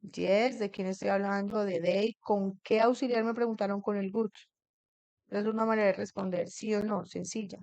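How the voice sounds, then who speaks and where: Woman, English teacher, classroom lesson, quizzes the class, mid pitch, dry sound. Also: steady tone, moderate pace, vocal fry, a little mellow, dry recording. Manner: keeps checking in with the class, asking questions.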